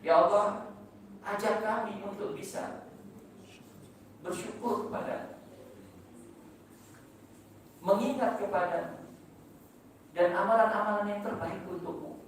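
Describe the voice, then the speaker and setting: A man's voice: high voice, slight background noise. A man preaching in a mosque, chanting Arabic phrases and explaining them with rhetorical questions. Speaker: religious teacher. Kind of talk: mosque sermon. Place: mosque hall. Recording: echoey mosque hall from far off.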